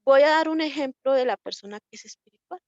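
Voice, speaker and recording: A woman's voice: high-pitched, fast talker, darkish tone, dry recording, muffled recording. A woman teaching a Bible class in a conversational way, often repeating herself. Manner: conversational, repeats herself, acts out quoted people.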